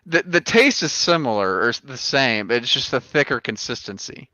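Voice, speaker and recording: A man's voice: medium pitch, expressive, normal speed, sharp tone, dry recording. A man chatting casually with friends on a group call. His voice comes through a thin, tinny mic that sounds like a speakerphone or intercom. He rambles, with frequent restarts. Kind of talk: casual group chat over an online call.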